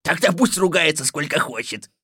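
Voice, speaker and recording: A woman voicing a gruff, boastful male forest robber who lisps, in an audiobook fairy tale. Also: low-pitched, expressive, moderate pace, fairly bright tone, no room sound, studio quality, heavily acted. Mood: grumbling. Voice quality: lisping. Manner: gruff, menacing then sulky.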